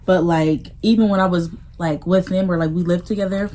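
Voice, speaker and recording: A woman's voice: fairly low pitch, fairly even intonation, brisk, mellow. A young American woman chatting in a laid-back, slangy way, sharing stories casually in a mukbang video. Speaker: vlogger. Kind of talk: casual storytime chat during a mukbang.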